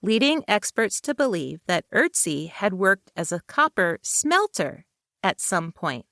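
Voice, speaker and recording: Slow, measured woman podcast narrator. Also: mid-range voice, sing-song, bright, forceful tone, no room sound, clean studio sound. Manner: measured storytelling delivery, light personal asides. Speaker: podcast co-host. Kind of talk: reading researched narration with casual asides.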